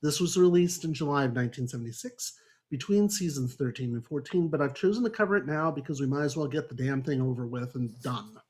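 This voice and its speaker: Over an online group call, a podcast host reads a prepared introduction to a book discussion, dropping in dry, wry asides. He talks fast, with a mid-range voice and a darkish tone.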